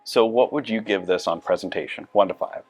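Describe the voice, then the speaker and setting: A man's voice: lowish voice, breathy edge, faint music behind. A man, chatting casually in a cafe and methodically walking through rating criteria. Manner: methodical, lists criteria, measured. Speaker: co-host. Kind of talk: casual chat. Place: cafe, indoors, on a couch.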